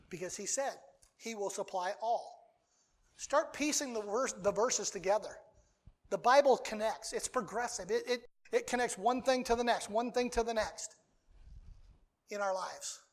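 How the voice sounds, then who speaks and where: Here an emphatic preacher is partway through a sermon, reading from scripture in a voice of ordinary middle pitch. He presses each point by repeating the same phrases over and over.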